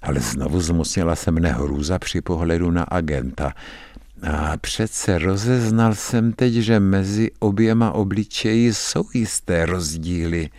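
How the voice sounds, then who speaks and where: A man with a low voice reads a horror tale aloud in the first person, tense and measured. His delivery is that of a dramatic radio reading, close and dry, with no room around it. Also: a little mellow, dry recording. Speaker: narrator.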